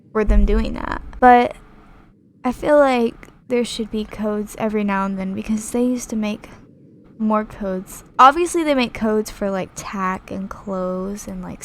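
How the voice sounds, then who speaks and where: A young woman chatting casually over gameplay, rambling with many fillers and restarts, reading viewer comments aloud. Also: a little high. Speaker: gaming YouTuber.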